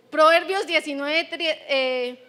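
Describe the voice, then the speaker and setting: High-voiced Colombian woman pastor preaching. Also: sharp tone. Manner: chatty, keeps asking the congregation "right?". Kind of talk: conversational sermon. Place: church.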